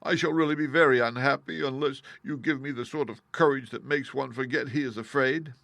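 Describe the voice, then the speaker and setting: Guy doing a nervous storybook lion, slow and hesitant, dry sound. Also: medium pitch, fairly even intonation, creaky, a bit bright, no room sound, voice pushed up. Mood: anxious. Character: anxious cowardly lion, male.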